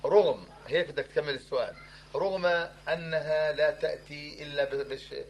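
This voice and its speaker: A man's voice: on the high side, fairly quick, slight background noise, low-quality recording. A man pressing questions in a heated religious discussion, insistent and argumentative, repeating himself to drive his point home.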